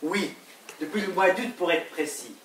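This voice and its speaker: An actor playing a suspicious, jealous husband in a stage play, asking slow, pointed, accusing questions. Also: male voice, high voice, a loud crowd, close to an everyday voice. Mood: tense, accusing. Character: suspicious jealous husband, middle-aged man. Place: theater stage. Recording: roomy, distant stage recording with faint hiss.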